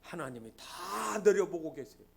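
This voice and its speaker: A man's voice: sits high, lively intonation, normal speed, gravelly. A pastor voicing an earnest young boy who calls out urgently to his father in a sermon story.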